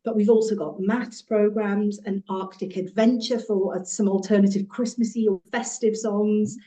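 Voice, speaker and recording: A woman with a mellow, warm tone, explaining children's learning as a podcast guest. She talks fluently and in a teacherly way, and sometimes lifts into a sing-song voice to show an example. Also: mid-range voice, fairly even intonation, moderate pace. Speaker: guest from a children's music and movement company. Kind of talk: podcast interview.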